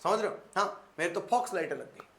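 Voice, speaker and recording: A man's voice: high voice, lively intonation, fast, vocal fry, fairly bright tone. A man from Rajasthan with a Marwari-tinged accent, teaching a bilingual lesson in a dramatic storytelling manner and talking straight to his students. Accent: Marwari-tinged Hindi. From Rajasthan, India. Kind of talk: animated bilingual lesson explanation. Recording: echoey room.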